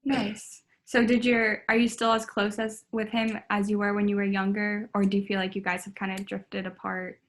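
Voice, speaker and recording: A woman's voice: medium pitch, level tone, moderate pace, hardly any pauses. A young woman running a student clinical interview, friendly and tentative, with frequent ums.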